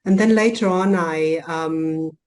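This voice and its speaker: A woman's voice: low voice, slow, a little mellow. A woman from Germany, a coach and healer, talking reflectively in a podcast interview with frequent ums and restarts.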